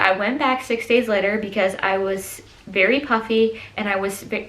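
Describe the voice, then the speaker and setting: A woman's voice: medium pitch, fairly bright tone. A woman telling a personal story in a casual, conversational vlog style, stressing key words for emphasis. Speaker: vlogger. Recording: echoey, roomy sound.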